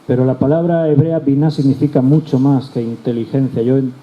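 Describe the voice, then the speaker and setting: A man's voice: mid-range voice, fairly even intonation, a little fast, muffled recording. A male pastor, teaching a Bible study. He explains patiently and often repeats or rephrases his key words. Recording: roomy echo with faint background ambience.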